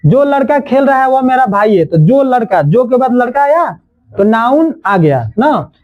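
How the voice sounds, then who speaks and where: A man's voice: very high voice, sing-song, narrow, tinny audio. A man teaching a classroom grammar lesson, repeating each rule phrase by phrase and scolding and joking with his students. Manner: drills rules slowly, repeating each phrase.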